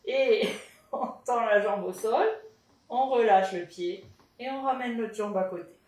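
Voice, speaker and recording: A woman's voice: a little high, a little slow, darkish tone, distant mic. A woman teaching a pilates class at home, chatty and encouraging as she guides the moves. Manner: chatty and encouraging, tags lines with "hein". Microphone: camera in front of her. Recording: echoey room, voice from afar.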